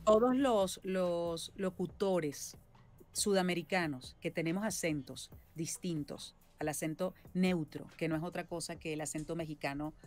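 Low-voiced voice actress chatting. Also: female voice, unhurried, a little mellow. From Venezuela. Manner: reflective, explains at length with many tag questions. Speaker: voice actress and singer-songwriter, guest. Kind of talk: casual interview chat.

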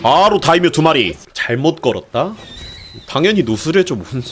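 A man streaming a video game in casual commentary, excitable and often swearing and yelling in frustration. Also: on the high side, moderate pace. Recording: game music loud behind the voice. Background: game music.

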